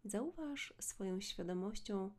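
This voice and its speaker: Woman, meditation guide, very slow pace, soft breathy voice, hushed close-to-the-ear delivery, soothing, long pauses. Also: medium pitch, animated.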